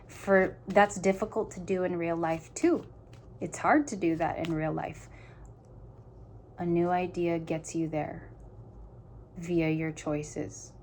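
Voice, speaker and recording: A woman with a fairly low voice talks through a tarot spread in a casual way. She muses aloud and breaks off and restarts her sentences. She speaks earnestly and directly to whoever is listening, with a faint hiss behind her. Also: fairly even intonation, slow pace, pauses often, darkish tone. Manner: musing aloud, stop-start phrasing. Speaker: tarot reader. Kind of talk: casual tarot reading to viewers.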